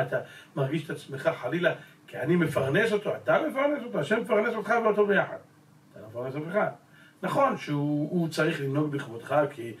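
A male rabbi giving a Torah lesson, pressing his listeners with rhetorical questions and calling them gentlemen. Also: on the high side. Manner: addresses the audience as gentlemen. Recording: roomy echo, voice from a distance.

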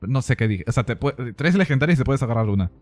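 A Latin American man chatting through a game stream, his voice swinging widely up and down. He gets excited fast, laughs a lot and chants phrases over and over. Faint music plays underneath. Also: mid-range voice. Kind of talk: casual gameplay stream chat.

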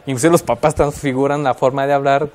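A man's voice: medium pitch, fairly even intonation, fast talker, a little mellow. A man with a Mexican Spanish accent, talking as an expert guest on a radio show and explaining child development in a thoughtful way, with fillers and restarts.

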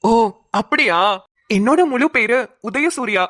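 A woman's voice: a little high, expressive, measured pace, a bit bright. A woman voicing a poor, polite young man in a homemade cartoon. He speaks humbly and deferentially. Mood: surprised.

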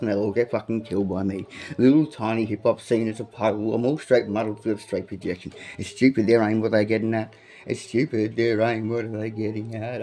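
He's an amateur freestyler, an adult with a son, who says his voice is big; it sounds low with a dark tone. The bars are aggressive and profane, with lines repeated as he goes.

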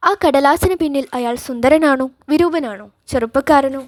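A woman narrating a novel as an audiobook in a calm, measured voice. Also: high voice, dry recording.

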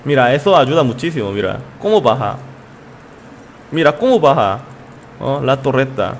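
A man commenting casually on his game live, breaking into high excited yelps and laughs. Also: normal speed, a little hiss or hum. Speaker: gaming streamer.

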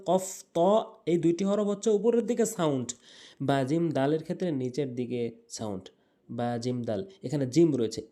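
A man teaching correct Quran recitation, explaining mistakes plainly and then chanting the verses slowly and drawn out. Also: fairly high pitch, warm tone. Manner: repeats right and wrong pronunciations patiently.

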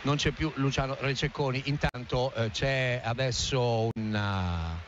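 A man's voice: mid-range voice, measured pace, highs cut off. A man giving live radio football commentary in an emphatic, dramatic, ornate way. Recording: loud stadium crowd noise behind voice. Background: stadium ambience.

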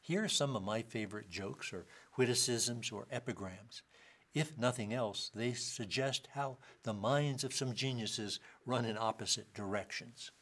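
A man's voice: medium pitch, measured pace, fairly bright tone. A man giving a university lecture, explaining ideas with dry wit and reading out short quotations.

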